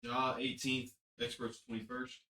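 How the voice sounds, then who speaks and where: A man's voice: medium pitch, very animated, measured pace, creaky, pushed and bright. A man co-hosting a podcast, joking and teasing in casual basketball talk. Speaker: podcast co-host. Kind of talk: casual sports chat. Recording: roomy echo.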